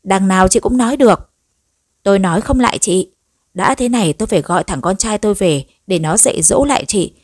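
A woman's voice: medium pitch, fairly quick, darkish tone, no echo, clean studio sound, natural voice. A woman putting on a scolding old mother-in-law. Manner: nagging, sarcastic scolding.

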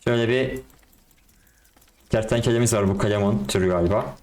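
A young man giving casual, excitable commentary on a game and talking to his viewers in slang. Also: fairly low pitch, fairly quick. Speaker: gaming YouTuber.

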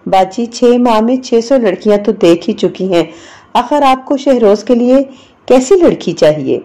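Woman reader voicing gentle patient sister, mild and reasoning, mellow voice. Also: a little high, lively intonation, lightly acted.

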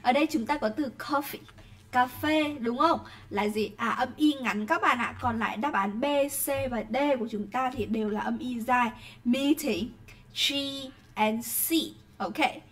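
A woman with a Vietnamese accent teaching an online English class, pronouncing words slowly and carefully, then explaining in quick bursts with frequent checking questions. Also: fairly high pitch, a bit bright.

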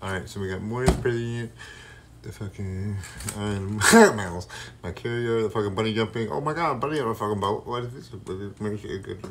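A man's voice: lowish voice, a little fast, a bit bright, a little hiss or hum. A man freestyle rapping and ranting in a rambling, combative, heavily profane way.

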